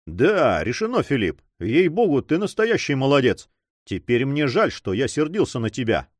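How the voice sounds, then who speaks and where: A man's voice: medium pitch, sing-song, moderate pace, no echo. A man voicing a cautious older uncle and governor who scolds the young men in a story. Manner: worried, scolding.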